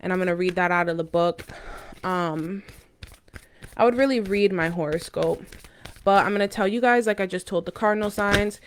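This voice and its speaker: A woman giving a casual, mystical horoscope and tarot card reading to viewers in a halting, informal way with intuitive asides. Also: fairly low pitch, slight background noise.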